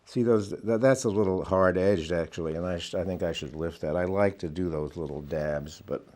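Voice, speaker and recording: Low, mellow-voiced man teaching watercolour. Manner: unhurried, thinking aloud while painting. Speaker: watercolour instructor. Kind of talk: painting demonstration with commentary.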